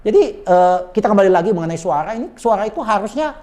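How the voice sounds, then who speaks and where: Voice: mid-range voice, animated, quick pace, mellow. A sales trainer explaining communication tips in an emphatic, conversational coaching style, politely adding "Pak" to many sentences. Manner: acts out sample phone greetings in a changed voice. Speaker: sales and body language trainer.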